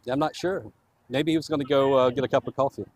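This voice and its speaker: A man's voice: mid-range voice, steady tone, fast talker, a little mellow, a little hiss or hum. Easygoing male match commentator. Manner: chatty, easygoing, laughs easily. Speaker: play-by-play commentator for the home club. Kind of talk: casual live match commentary. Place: outdoor soccer field at a live match.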